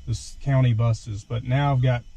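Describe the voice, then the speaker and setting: Sitting in a parked truck, a vlogger casually explains his gear step by step in an unscripted, plain-spoken product walkthrough. His voice is medium-pitched and warm, with a steady tone, normal speed, and vocal fry. There's a little hiss or hum in the audio.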